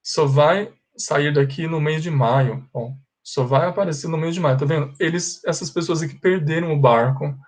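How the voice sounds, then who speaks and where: A Brazilian man, a native Portuguese speaker, teaching an online English grammar lesson, explaining in Portuguese and reading the English examples slowly. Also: on the high side.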